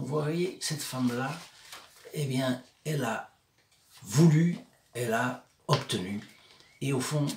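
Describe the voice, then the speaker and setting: A man with a southern French Provençal accent preaches and retells a story, wandering into digressions, hesitating and often repeating words. His voice sits in the mid range, the room echoes, and there's a little hiss or hum on the recording.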